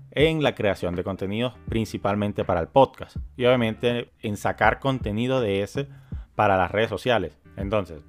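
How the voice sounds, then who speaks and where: A man hosting an unscripted podcast, talking emphatically and repeating phrases for emphasis, with faint guitar music behind. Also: lowish voice. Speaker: podcast host. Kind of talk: unscripted motivational podcast monologue.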